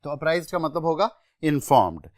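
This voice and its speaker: A man with a Pakistani accent giving an exam-prep English vocabulary lecture, explaining words in a measured way and listing synonyms one by one. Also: on the high side, very animated, darkish tone, no room sound, clean studio sound.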